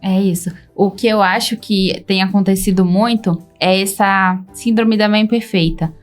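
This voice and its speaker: A Brazilian woman co-hosting a podcast for mothers, speaking calmly and reflectively in casual chat. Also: mid-range voice, normal speed, faint music behind. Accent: Brazilian Portuguese. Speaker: podcast co-host.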